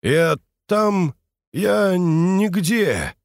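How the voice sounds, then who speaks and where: Man voicing a listless house spirit, quiet, withdrawn, audiobook. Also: sits high, animated, extremely slow, vocal fry, dry recording, studio quality, voice pushed up, full character voice.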